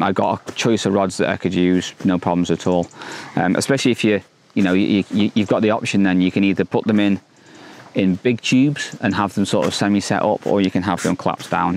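A man's voice: deep voice, steady tone, a little fast, gravelly, darkish tone, a little hiss or hum. A man in his thirties hosting a fishing channel, reviewing a product to camera outdoors by a lake, upbeat and enthusiastic with frequent fillers and restarts, on a lapel mic. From England.

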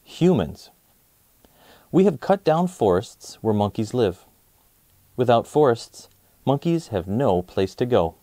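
With clear enunciation and plenty of expression, a man acting as host reads a children's nonfiction book for young listeners. He speaks at medium pitch, takes his time and pauses often, and the recording is dry.

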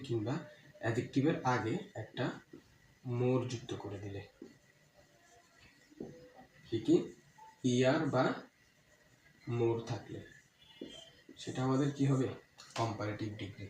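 A man's voice: mid-range voice, a little mellow. Male grammar teacher, patient and repetitive, asks and answers his own questions; echoey room, faint hiss. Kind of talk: explanatory grammar lesson.

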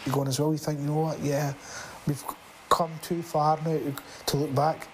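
A Scottish man, a restaurant owner being filmed for a documentary, talks candidly and informally in a matey way, often repeating his phrases. His voice sits on the high side, with a flat delivery at normal speed. Clear background noise from the location is audible.

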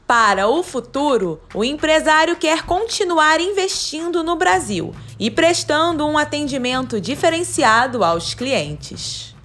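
A Brazilian woman in her thirties, a TV reporter reading scripted narration in a smooth, measured way. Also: sits high, very animated, fairly bright tone. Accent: Brazilian Portuguese.

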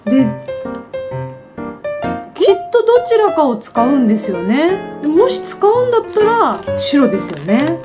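A woman's voice: sits high, huge pitch swings, unhurried. A woman in her forties chatting casually in a beauty vlog, polite and flustered, laughing at herself often. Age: 40s. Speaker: beauty vlogger. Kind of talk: casual unboxing vlog chat. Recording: background music clearly audible.

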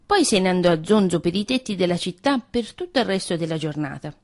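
A woman reads a fairy tale aloud in an expressive, lilting storytelling manner. Her voice sits on the low side but moves widely up and down. The delivery is steady and unhurried, made for a radio story slot.

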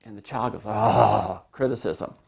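A man's voice: mid-range voice, lively intonation, unhurried, vocal fry. A man explaining child behavior in a recorded parenting class, walking through everyday examples and sometimes acting out the people in them. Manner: explanatory, uses examples, acts out quoted voices. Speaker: parenting instructor. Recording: dull lo-fi recording.

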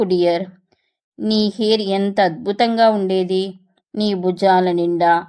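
A woman's voice: mid-range voice, dark tone, lightly acted. Woman reading as a sarcastic sulking husband. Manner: sarcastic, curt. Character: sulking irritated young husband. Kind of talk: audiobook story reading.

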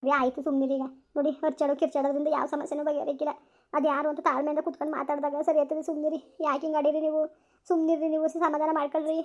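In a village family drama, a woman voices a caring but nagging mother who worries, pleads and scolds her family. She speaks very fast in a high-pitched, flat delivery, and the recording's highs are cut off.

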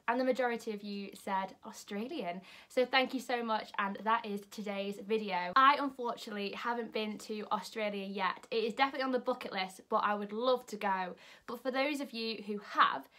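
A young woman with a British English accent chats away to her camera at home. Her voice sits a little high, and her delivery stays upbeat and friendly throughout. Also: a bit bright. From United Kingdom. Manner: cheerful, upbeat, chatty. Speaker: YouTube vlogger host. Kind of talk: casual chatty vlog. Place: at home, indoors.

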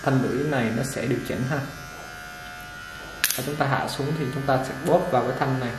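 Clipper motor buzz and clicks fill an echoey room as a man unboxes a hair clipper at an indoor shop table with clipper boxes. He's a product reviewer for a barber supply shop with a Vietnamese accent, talking casually and relaxed with many fillers while handling it, in a mid-range voice that runs a little fast, amid machine noise.

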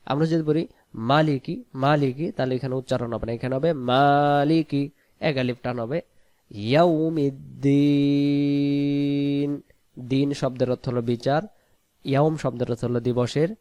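A man teaching Quran pronunciation, quickly spelling out letters and vowels, then reciting the words slowly and drawn out. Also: mid-range voice, mellow, no echo. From Bangladesh. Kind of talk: pronunciation lesson.

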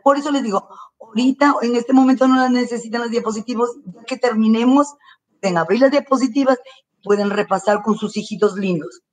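A woman teacher giving slow, careful, repeated instructions to parents while straining her throat. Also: a little high, distant mic, low-quality recording. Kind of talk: online class instructions to parents. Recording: voice from away from the mic.

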